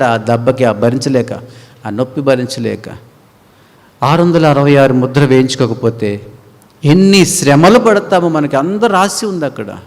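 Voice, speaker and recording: A man with a Telugu accent preaching a sermon at a youth meeting. He swings between hushed low asides and loud, high cries as he acts out pleading voices. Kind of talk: impassioned sermon. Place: church prayer hall. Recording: long hall reverb.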